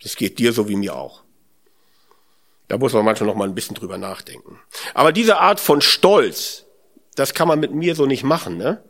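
A man with a medium-pitched, slightly bright voice delivers a sermon in a conversational style, speaking at a moderate pace with lively intonation. He muses aloud, poses rhetorical questions, and frequently tacks on the tag "ne?".

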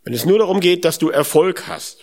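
A man's voice: high voice, lively intonation, fairly quick, darkish tone. Reflective man musing aloud. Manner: conversational, often adds tag "ne?"; muses aloud, asks rhetorical questions. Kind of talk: reflective spoken sermon.

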